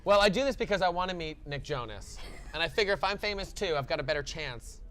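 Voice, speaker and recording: A man, a stand-up comedian, chatting casually in an interview, playful and quick to joke. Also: a little high, animated, fairly bright tone, a little hiss or hum.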